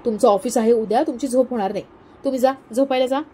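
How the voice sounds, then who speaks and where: A woman's voice: a little high, fast, dark tone, slight background noise, lightly acted. A woman voicing a meek, dutiful daughter-in-law. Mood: gentle. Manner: meek, reassuring. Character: dutiful, soft-spoken young daughter-in-law.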